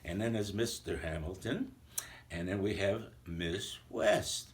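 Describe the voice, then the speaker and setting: A man's voice: low-pitched, unhurried. A man playing a jolly old Santa Claus, chatting playfully and rambling a little as he greets a school full of children in a recorded video message. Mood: cheerful.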